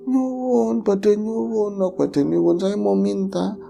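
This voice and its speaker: A woman's voice: mid-range voice, fairly even intonation, takes it slowly, vocal fry, mellow, soft background music, pitched above the performer's own voice. A woman voicing a frail, toothless old beggar grandmother spirit who pleads in a faint, strained murmur. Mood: pleading.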